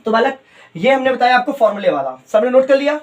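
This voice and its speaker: A man with a fairly high voice, teaching chemistry to coaching students. He talks to them fondly as "beta" and drags out key terms syllable by syllable so they can note them down. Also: big pitch swings. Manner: calls students "beta", repeats terms slowly, mixes English phrases.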